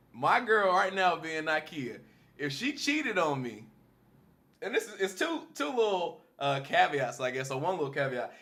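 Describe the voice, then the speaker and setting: Bright-voiced American man with a smoker's rasp. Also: on the high side. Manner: informal, slangy. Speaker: podcast host. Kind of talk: casual chat.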